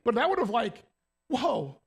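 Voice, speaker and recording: A man's voice: extremely high pitch, takes it slowly, vocal fry, breathy edge. A man giving a casual, conversational sermon in a church and talking straight to the congregation. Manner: animated, talks to the congregation directly. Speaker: preacher.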